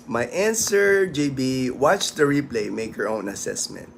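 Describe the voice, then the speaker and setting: A livestream host in his late fifties chats outdoors in the sun, reading viewer comments in a rambling, easygoing way with lots of restarts. His medium-pitched, gravelly voice is very animated at a measured pace, with a little hiss or hum on the recording.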